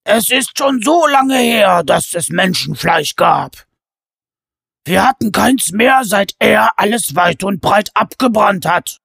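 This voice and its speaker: A big, sulky storybook giant, played by a male narrator, whining like a child begging at the zoo. His voice is raspy and gravelly and sits higher than usual. The sound is close and dry. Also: expressive, takes it slowly, fairly bright tone, no echo, full character voice.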